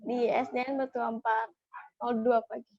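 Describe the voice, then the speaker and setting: A shy teenage girl answering quietly and briefly from her home. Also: fairly high pitch, little pitch movement, moderate pace, dry recording. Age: teen. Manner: quiet, soft-spoken, short answers. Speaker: student guest. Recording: dull, dry call audio.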